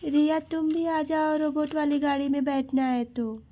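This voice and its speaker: A woman's voice: sits high, level tone, unhurried, highs cut off. A woman voicing a playful, chatty little girl in a doll story. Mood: excited.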